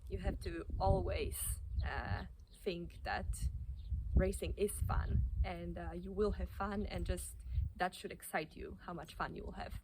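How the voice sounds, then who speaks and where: A woman giving informal running advice in a halting, hesitant way, often restarting her sentences. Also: lowish voice, background noise. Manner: hesitant, halting delivery with repeated self-corrections. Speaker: running coach or athlete giving tips. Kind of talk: informal advice talk to camera.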